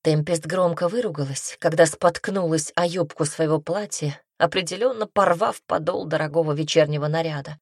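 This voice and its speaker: A woman narrating a fantasy romance audiobook with an even, measured reading. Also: low-pitched, no room sound, studio quality. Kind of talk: scripted narration.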